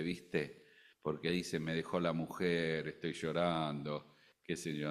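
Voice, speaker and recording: An older man from Argentina with an Argentine Spanish accent, preaching a sermon in an animated way, with joking asides and bursts of loud emphasis. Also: sits low.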